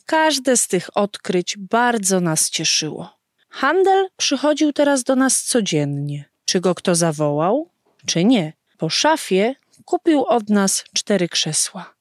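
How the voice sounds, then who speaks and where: A woman reading a story aloud slowly and expressively, giving the characters' lines their own voices. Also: medium pitch, very animated, dry recording, studio quality. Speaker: narrator.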